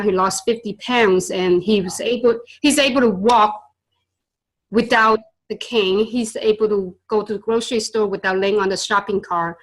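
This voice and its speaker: Poor audio captures a medium-pitched, fairly bright female voice. The speaker, Vietnam-born and China-raised with Chinese and Vietnamese as first languages, is a tutor and business owner earnestly telling stories as a guest in a casual interview, with plenty of fillers and non-native grammar.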